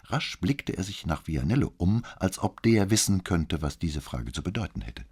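A man narrating an audiobook in a scripted, expressive reading. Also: sits low, normal speed, breathy edge.

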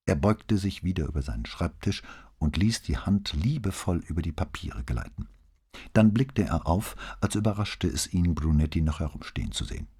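A man narrating an audiobook in an expressive, measured reading. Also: deep voice, slightly rough. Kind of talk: scripted narration.

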